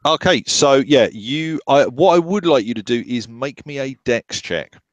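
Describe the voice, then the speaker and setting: A man narrating a tabletop horror game at an unhurried pace, stopping often to gather his thoughts with ums and half-finished words. His voice sits at an ordinary pitch and sounds dry and close, with no room around it. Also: lively intonation, no room sound, muffled recording. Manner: halting, full of ums and restarts. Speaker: game master.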